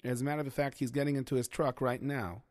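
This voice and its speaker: A patient classroom teacher, played by a man, who speaks to the children at an even, middle pitch. The recording is close and dry. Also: quick pace, no echo, close to an everyday voice. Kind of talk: children's comedy sketch.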